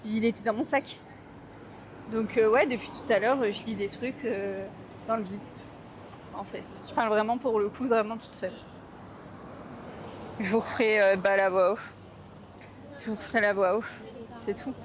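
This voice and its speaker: A woman's voice: mid-range voice, steady tone, normal speed, long pauses, a little hiss or hum. A young woman vlogging casually to camera, rambling and self-mocking with slang and fillers, upset and hungry. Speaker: travel vlogger. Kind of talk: casual vlog chat to camera. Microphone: camera mic.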